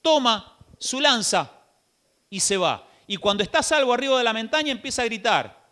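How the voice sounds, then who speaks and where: Argentine guy preaching in church, really high voice, tells the story with lots of questions. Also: normal speed. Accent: Rioplatense Argentine Spanish. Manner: storytelling, animated, rhetorical questions. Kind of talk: sermon.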